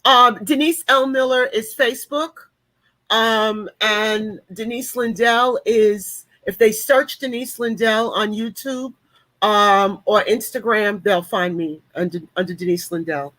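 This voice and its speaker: Late-sixties woman, upbeat panelist, chatty and warm-toned, dry mic. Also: fairly high pitch, fairly even intonation, unhurried, no echo, poor audio. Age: 60s. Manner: chatty, upbeat, with frequent ums. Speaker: panelist and leadership coach. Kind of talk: casual online panel talk.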